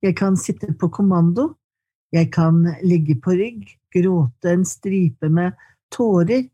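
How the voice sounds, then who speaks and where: A woman reading her poetry aloud in slow, measured lines, then answering questions in conversation. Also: lowish voice, mellow, breathy edge, lo-fi sound. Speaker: poet and guest.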